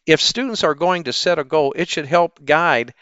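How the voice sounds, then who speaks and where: A man speaking as a teacher and podcast host in an animated, upbeat, salesy presenting style, often posing questions to the listener. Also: fairly high pitch, moderate pace, smooth, no echo, dull audio. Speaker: teacher hosting an education podcast. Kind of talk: upbeat promotional ad pitch.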